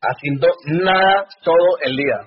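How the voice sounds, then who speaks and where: A man's voice: on the high side, normal speed, husky. A man giving a motivational business speech, telling anecdotes and jokes. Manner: anecdotal, storytelling. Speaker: speaker at a business event. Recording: dull lo-fi recording.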